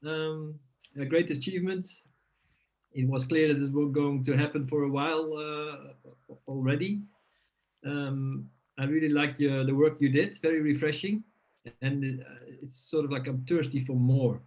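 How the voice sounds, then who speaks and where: Guy congratulating someone on a call, smiling, higher voice, takes his time. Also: fairly even intonation, unhurried, a little mellow, low-quality recording. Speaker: committee member. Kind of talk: congratulatory speech on a video call.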